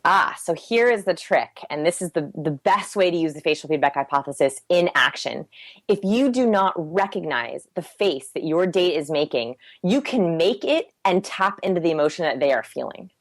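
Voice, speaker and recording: Fast-talking woman with a low voice. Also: dry recording. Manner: fast, animated explaining. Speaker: guest, human behavior researcher. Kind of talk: podcast interview.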